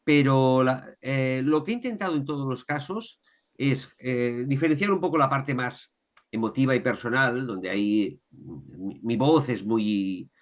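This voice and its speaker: A man's voice: medium pitch, unhurried. A man with a Catalan accent, an author talking through his research in a casual interview, thoughtful and full of restarts and tag questions. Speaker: author, guest.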